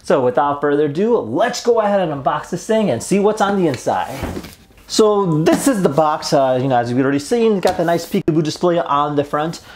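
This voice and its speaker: Slight background noise accompanies a young adult man whose voice sits on the high side with a darkish tone. Fairly quick and expressive, he hosts a casual, upbeat unboxing and review from a small indoor room.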